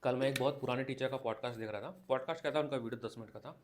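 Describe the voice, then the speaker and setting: Male physics teacher, slow repeated dictation, direct coaching, classroom lecture. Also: mid-range voice, steady tone, a little hiss or hum.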